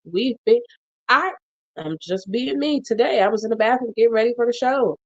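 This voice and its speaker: A woman hosting a podcast who talks in an animated, playful way, telling her faith story like a testimony. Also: fairly high pitch, moderate pace, dry recording, muffled recording. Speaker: podcast host. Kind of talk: casual chat.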